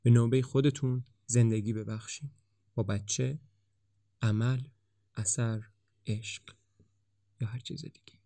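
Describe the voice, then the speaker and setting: A man voicing a calm, mysterious doctor who sees people off, speaking gently and thoughtfully in an audiobook. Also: medium pitch, gravelly, pauses often, dry recording, studio quality, natural voice. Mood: calm, reflective. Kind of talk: audiobook dialogue reading.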